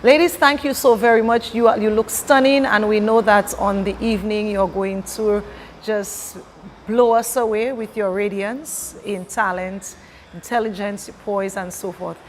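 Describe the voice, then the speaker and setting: A woman's voice: medium pitch, steady tone, a little slow. A woman hosting a live pageant interview and addressing viewers. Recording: reverberant hall, faint background noise.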